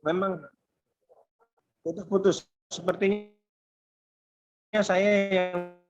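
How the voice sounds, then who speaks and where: A man moderating an online seminar, his voice cutting in and out over a choppy internet call, halting and hesitant. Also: high-pitched, level tone. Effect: choppy breaking-up internet call audio. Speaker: discussion moderator. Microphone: video call. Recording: muffled distant call audio.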